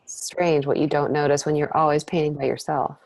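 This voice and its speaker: Woman painting instructor, low and dry-sounding, chatty and thinking aloud mid-demo. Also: flat delivery, a little fast, gravelly, darkish tone, dry recording. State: breathing heavily while painting. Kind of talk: live painting demonstration. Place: art studio.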